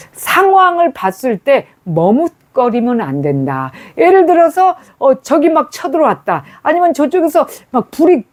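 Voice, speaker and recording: A woman's voice: fairly high pitch, darkish tone. A woman preacher delivering a sermon, telling stories with frequent fillers and hesitant restarts.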